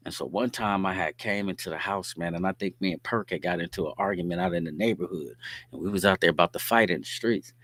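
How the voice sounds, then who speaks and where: A man's voice: deep voice, quick pace, a bit bright, dry recording. A middle-aged man from Indianapolis hosting a podcast, telling stories in a laid-back, streetwise way and often checking in with his listeners. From Indianapolis, USA. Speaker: podcast host. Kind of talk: casual storytelling talk.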